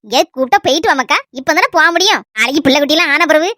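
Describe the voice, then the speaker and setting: Soft-spoken old village granny with a Kanyakumari lilt, sentimental and quick-talking, as a woman puts her on. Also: high-pitched, lively intonation, no echo, studio quality, voice pushed down. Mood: affectionate. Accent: Kanyakumari Tamil. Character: frail elderly grandmother, gentle, tearful. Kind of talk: comedy skit role-play.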